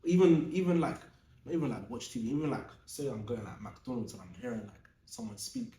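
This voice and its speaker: A young man co-hosting a casual podcast chat, talking rapidly and filling his speech with "like". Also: medium pitch, animated, darkish tone. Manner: rapid, filler-heavy with constant "like". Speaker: podcast co-host. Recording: roomy sound from a distant mic.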